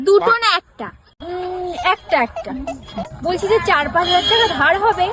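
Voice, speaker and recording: A woman doing a squeaky pleading borrower. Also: normal speed, over music. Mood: wheedling.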